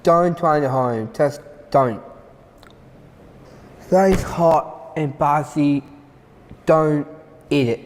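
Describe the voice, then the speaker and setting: Male challenge guest, slow, stammers and repeats words, slightly raised pitch, echoey room. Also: a little hiss or hum. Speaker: challenge participant. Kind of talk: casual chat.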